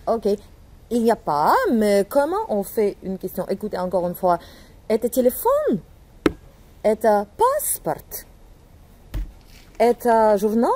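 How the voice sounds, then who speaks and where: Lively woman teacher asking questions. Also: mid-range voice, normal speed, slight background noise. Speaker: language teacher. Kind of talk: interactive classroom dialogue.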